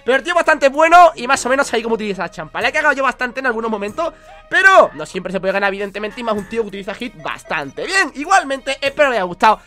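Young man, Spain Spanish accent, gaming commentary, fast talker, excitable, slightly under the weather. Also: very high-pitched, faint music behind. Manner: excitable, swearing at mistakes, counting out combos. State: ill with a cough. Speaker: gaming YouTuber. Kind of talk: live gameplay commentary.

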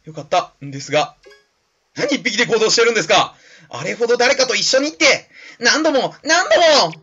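A man voicing a small, fussy electric creature that scolds its leader in high, strained tones. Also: animated, a little fast, sharp tone, husky, full character voice. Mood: fussy, scolding. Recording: slightly dull lo-fi recording.

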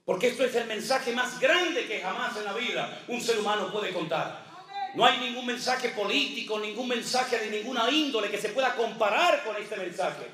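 A man's voice: high-pitched, moderate pace, pushed and bright. An older man, a pastor, preaching a sermon with fervent, emphatic repeated refrains. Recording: echoey hall, mic at a distance.

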